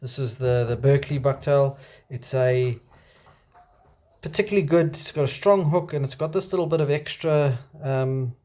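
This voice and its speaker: South African man, halting casual delivery. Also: medium pitch, dark tone. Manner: halting, hesitant phrasing. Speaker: kayak angler presenting his gear. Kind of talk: casual unscripted show-and-tell.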